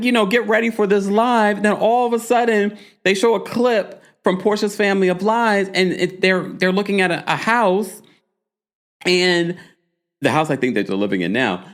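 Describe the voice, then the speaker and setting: This is a man with a high-sitting voice doing a laid-back live recap of a reality show, chatty with gossip and lively, pausing for fast asides to his viewers' chat.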